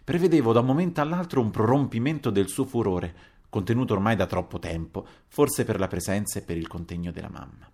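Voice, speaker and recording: Low-voiced man reading a novel aloud. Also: a little fast, breathy edge. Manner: expressive, dramatic reading with wide swings in loudness. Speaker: narrator.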